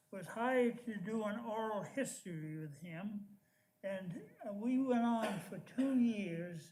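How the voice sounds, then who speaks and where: An older woman, a professor, giving an informal talk through a face mask in a deliberate, halting way with pauses between short phrases. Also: mid-range voice, darkish tone, low-quality recording. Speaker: professor, panel speaker. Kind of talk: informal lecture from memory.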